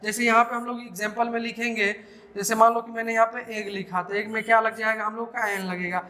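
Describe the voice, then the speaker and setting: High, bright-voiced Hindi grammar teacher. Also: male voice, level tone. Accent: Bihari Hindi. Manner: dictating slowly, quizzing students with questions. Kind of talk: classroom grammar lesson.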